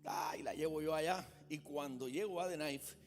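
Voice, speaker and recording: Male pastor with a high voice, lively sermon with call-and-response, faint instrumental music behind. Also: normal speed, long reverb tail. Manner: animated, questions the congregation often. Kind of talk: sermon with humorous personal stories. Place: church sanctuary.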